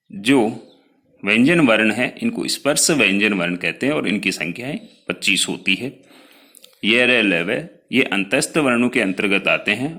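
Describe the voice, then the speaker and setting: Bright-voiced male teacher explaining slowly. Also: fairly low pitch. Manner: explains slowly, spelling out sounds one by one; addresses students directly, pointing to written notes. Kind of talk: classroom lecture.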